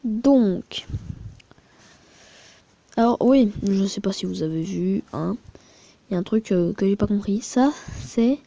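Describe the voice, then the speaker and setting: A woman's voice: mid-range voice, slow pace, creaky, pauses often, mellow. A woman giving crude, rambling, chatty commentary while showing her mobile game, with muttered asides. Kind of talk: casual screen-recording commentary.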